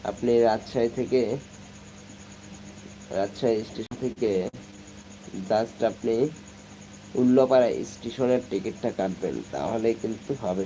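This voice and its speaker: Soft-spoken young man with a cold, low voice. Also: slight background noise, poor audio. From Sirajganj, Bangladesh. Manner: chatty, reads comments aloud, hums song snatches. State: has a cold, speaking softly. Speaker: live stream host. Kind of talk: casual live-stream chat with viewers. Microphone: phone, no external microphone.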